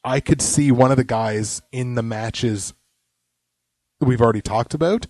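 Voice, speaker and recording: A man on a podcast, talking through his opinions while he is sick. His voice is mid-pitched and sits dry and close to the mic. He rambles and sometimes drops into muttered asides. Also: a little slow, a little mellow, dry recording. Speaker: podcast co-host. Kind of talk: casual wrestling chat.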